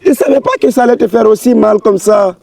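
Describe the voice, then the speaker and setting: A man's voice: high voice, a little fast, gravelly, a little mellow, dry recording, far from the mic. A man playing an older brother who keeps apologizing and coaxing his little sister, in a comedy film. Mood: pleading. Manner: pleading, coaxing.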